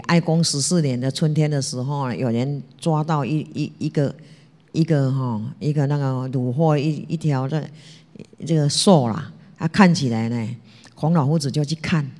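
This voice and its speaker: A man at a middle pitch retells an old tale like a teacher giving a lesson. He speaks haltingly, tags his phrases with "ha" and often restarts his sentences. His voice carries a long reverb, as if he were in a large hall. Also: darkish tone. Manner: halting, frequent "ha" tag and restarts. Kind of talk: storytelling lecture.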